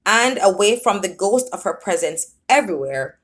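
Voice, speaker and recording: A woman's voice: medium pitch, animated, a bit bright. A woman reading a literary story aloud, laughing at times as she reads. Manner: unhurried, laughs while reading. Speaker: reader.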